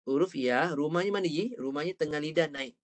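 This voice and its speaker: A man's voice: on the high side, brisk. A man with a Malaysian Malay accent teaching an online Quran reading class, patiently modelling sounds for his student to repeat. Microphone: video call.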